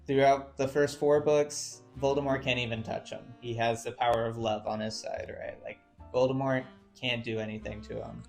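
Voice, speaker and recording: A young man delivers casual video-essay commentary in a chatty, conversational voice. He fills gaps with asides and filler words. His pitch sits mid-range over faint guitar music. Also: steady tone, moderate pace, creaky, hardly any pauses. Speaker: YouTuber.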